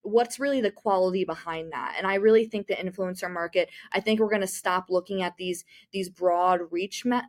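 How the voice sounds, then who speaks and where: A woman's voice: medium pitch, brisk, hardly any pauses. A woman, a marketing communications manager, giving interview answers in a chatty way full of "you know" fillers.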